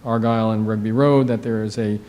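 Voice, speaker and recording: A man presenting an application as an attorney at a public hearing, measured and full of "uh" fillers, in a courtroom-style recording. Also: fairly low pitch, steady tone, mellow. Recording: long reverb of a hearing room.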